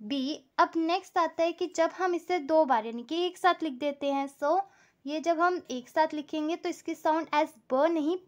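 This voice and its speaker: A woman teaching a language step by step, patient and repeating each example. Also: high voice.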